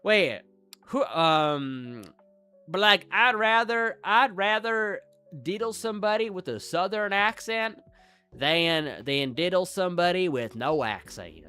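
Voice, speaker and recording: His voice sits high and sounds sharp, clear, and resonant as he talks slowly and expressively, with faint music behind him. The young man, who has a Midwestern American accent, rambles casually on a live stream, dropping frequent "like" fillers and putting himself down.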